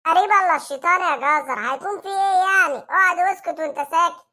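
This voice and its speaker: Squeaky boastful gang boss, put on by a performer. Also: racing, bright, forceful tone. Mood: dismissive. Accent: Egyptian. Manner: swaggering, ordering others around. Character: bossy male street gang boss, loud and boastful. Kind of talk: comic cartoon acting.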